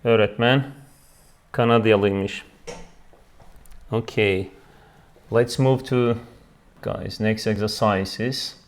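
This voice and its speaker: A Turkish man with a lowish, fairly evenly intoned voice teaches a beginner English grammar lesson. He goes slowly, repeating each word, switches between English and Turkish to translate, and checks "right?" after every point.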